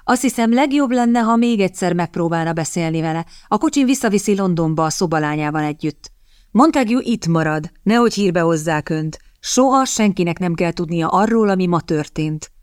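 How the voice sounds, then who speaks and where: A woman reading the lines of a composed young gentleman in a firm, commanding way. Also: lowish voice, expressive, clean tone, dry recording, studio quality, natural voice.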